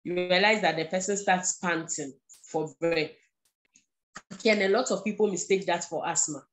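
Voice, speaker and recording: Over a little hiss or hum, a woman with a fairly low voice talks at normal speed. As a guest speaker on mental health with a Ghanaian accent and English as a second language, she patiently live-streams, restating key points and checking in with "okay."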